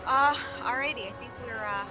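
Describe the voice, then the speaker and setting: A woman's voice: fairly high pitch, brisk, highs cut off, over music. A woman chatting and giggling with her guild on voice chat during a game raid. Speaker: guild raid member streaming. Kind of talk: casual gaming voice chat.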